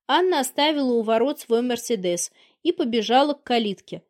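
A woman narrating an audiobook with an even, storytelling delivery. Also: high-pitched, fast talker. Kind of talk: scripted narration.

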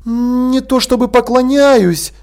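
An awkward, kindly young prince at school who talks hesitantly, with a touch of gruffness, as a man puts him on. The voice is raised above the reader's own. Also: sits high, animated, moderate pace, darkish tone, pitched above the performer's own voice.

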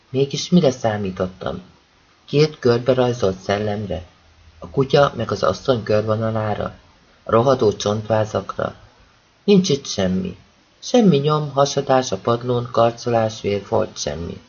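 A man reading a novel aloud as an expressive first-person narration. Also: medium pitch, gravelly, slightly rough, lo-fi sound. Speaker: audiobook reader.

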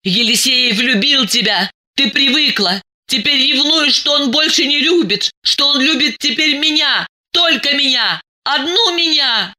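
A woman's voice: high-pitched, a little slow, few pauses, sharp tone, voice pushed up, exaggerated voice. A woman reading an audiobook, voicing a furious, jealous woman who shrieks accusations. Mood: hysterical.

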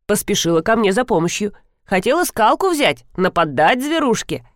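A woman reading an audiobook, voicing an adult husband who is calm and easily amused. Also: medium pitch, moderate pace, dry recording, studio quality, natural voice. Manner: calm, then laughing.

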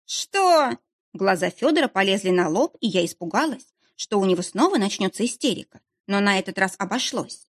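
A woman narrating a first-person audiobook in an even storytelling manner. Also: mid-range voice, a little fast, no echo, clean studio sound.

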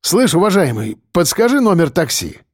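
Man doing a gruff, grumpy police chief. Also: high-pitched, very animated, normal speed, no room sound, clean studio sound, exaggerated voice. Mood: grumpy, irritable. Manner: gruff, muttering, curt. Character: grumpy heavyset male police chief, blunt and irritable. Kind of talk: audiobook character voice.

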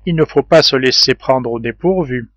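A man's voice: medium pitch, normal speed, a bit bright, dry recording, lightly acted. A man reading an audiobook who voices a bold, boastful male sailor eager to persuade his companions. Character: bold hearty male sailor, sure of himself.

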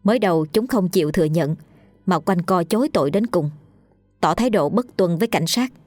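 A woman telling a ghost story in steady, dramatic narration. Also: fairly low pitch, fairly quick, no echo, soft background music.

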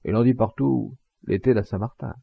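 A man's voice: mid-range voice, a little fast, gravelly, breathy edge, dry recording, phone-quality sound. A man reading a classic novel aloud as an audiobook, narrating expressively. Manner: expressive storytelling. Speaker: audiobook reader. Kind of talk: scripted narration.

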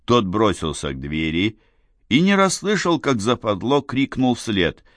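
A man narrates an audiobook with an ironic storytelling touch. His voice is low-pitched. The recording is dry and close. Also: big pitch swings, a little slow, a bit bright, no echo.

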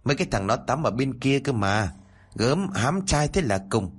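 A man doing a sharp-tongued scolding young woman. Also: mid-range voice, very animated, normal speed, breathy edge. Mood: mocking. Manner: scolding, mocking.

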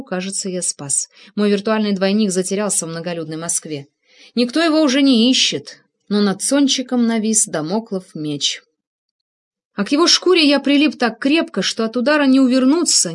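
A woman narrating a first-person thriller audiobook in a tense, measured storytelling manner. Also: fairly high pitch, animated.

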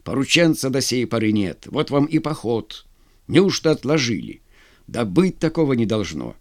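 A man's voice: medium pitch, big pitch swings, moderate pace, a little mellow, dry recording, studio quality, natural voice. A man doing an anxious, impatient colonel. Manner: nervous, sighing.

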